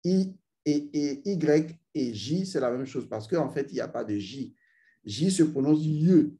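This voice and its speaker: A man with a slightly high but mellow, warm voice gives ritual instruction. He speaks slowly and deliberately, often stopping to intone long vowel sounds and asking his students if they follow. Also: expressive. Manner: addresses learners directly, repeats "vous voyez". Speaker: spiritual teacher.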